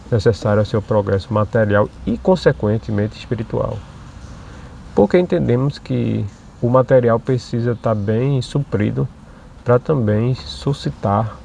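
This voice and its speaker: A man talks through an explanation at a steady, measured pace, tossing in little questions to his listeners. His voice is gravelly and sits at an ordinary middle pitch. A faint hiss of noise runs under the recording. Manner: measured, with frequent tag questions. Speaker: channel host. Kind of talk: explanatory monologue.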